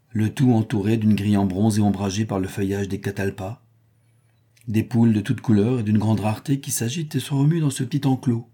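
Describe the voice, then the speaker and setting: A man's voice: fairly low pitch, dark tone, breathy edge. A man voicing a vain, bossy noble lady who gushes and gives orders in a read-aloud novel. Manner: effusive, commanding.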